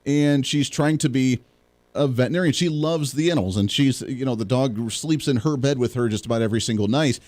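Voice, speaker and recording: A man's voice: mid-range voice, a little fast, a little mellow. A man hosting a political talk show, joking and rambling through sarcastic asides as he chats to his audience. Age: young adult or middle-aged parent. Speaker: host.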